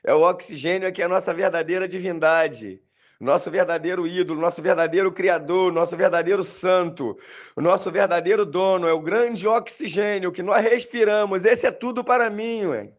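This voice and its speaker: A man's voice: sits high, normal speed, highs cut off. A man with a Brazilian Portuguese accent recording a voice message, talking insistently and repetitively to his listeners. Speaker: religious commentator. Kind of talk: voice message monologue.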